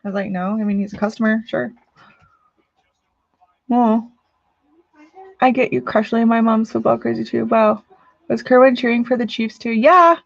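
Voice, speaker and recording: A woman's voice: on the high side, normal speed, vocal fry, long pauses, dry recording, lo-fi sound. A woman from Missouri hosting a casual live stream talk show from home, chatting, joking and reading out viewer comments. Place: home living room.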